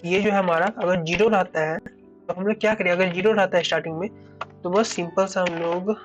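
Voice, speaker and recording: Over music, a man with a high-sitting voice teaches a coding problem at a brisk pace and in a steady tone. As a coding tutor, he goes step by step, thinking aloud, restarting phrases and repeating "ठीक है" often.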